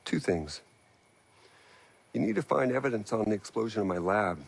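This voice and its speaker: An actor playing a calm, persuasive male scientist in video game dialogue. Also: on the low side, moderate pace, creaky, slightly rough, exaggerated voice.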